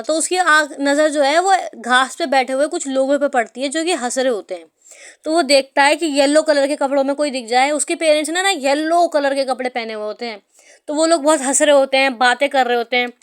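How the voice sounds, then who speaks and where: Woman teacher, high voice, explaining a story, chatty and patient with students. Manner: explains English words in Hindi, calls students "beta".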